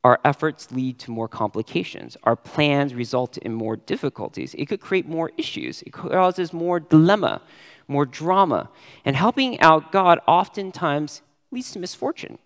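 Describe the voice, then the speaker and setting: A man preaching a sermon as pastor, stressing key words with sudden rises in pitch. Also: sing-song, measured pace, in a large hall.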